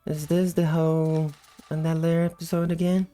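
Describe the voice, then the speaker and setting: Low, mellow, sleepy woman gamer. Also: flat delivery, moderate pace, soft background music. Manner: sleepy, just-woke-up morning voice. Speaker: gameplay host. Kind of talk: casual gameplay commentary.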